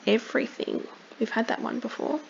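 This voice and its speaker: A woman teaching compound words, reading a story aloud and pausing to explain gently. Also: fairly high pitch, vocal fry, a little hiss or hum. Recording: dull lo-fi with faint ambience.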